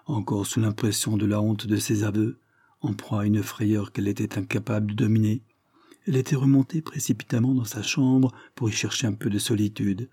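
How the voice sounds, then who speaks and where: A man reading a novel aloud in a steady, measured narration. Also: fairly low pitch, slightly rough, dry recording, clean studio sound. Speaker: audiobook reader. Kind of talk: literary narration.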